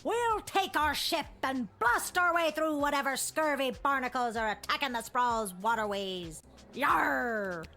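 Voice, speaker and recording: An actress voicing a swaggering woman pirate captain in a video game, with a stage pirate accent and gruff, hearty sea-dog talk. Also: high voice, lively intonation, unhurried, pushed and bright, faint music behind, full character voice. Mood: hearty, boisterous. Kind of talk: video game character acting.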